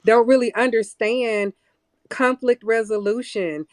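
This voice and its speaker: A woman's voice: a little high, steady tone, unhurried, darkish tone, no echo, clean studio sound. Earnest woman describing youth programs. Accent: Southern American. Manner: earnest, explains plans in long lists. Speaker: guest, youth program leader. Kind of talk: casual interview talk.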